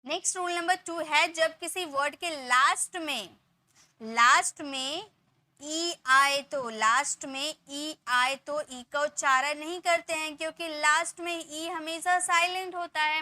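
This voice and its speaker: Bright high-voiced woman teaching English spelling rules. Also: dry recording. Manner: explains each rule slowly, then repeats the example words; checks in with the viewer often. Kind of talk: spoken phonics lesson.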